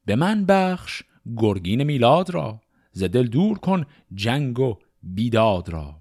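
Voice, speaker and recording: A man's voice: mid-range voice, sing-song, darkish tone. A man voicing a mighty, commanding warrior champion in declaimed epic verse. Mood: solemn.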